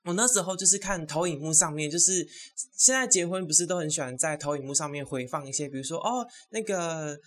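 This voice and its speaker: Low-voiced woman telling gossipy stories. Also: fairly quick. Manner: animated, gossipy, bursts into loud exclamations. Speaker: podcast host. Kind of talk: casual solo storytelling.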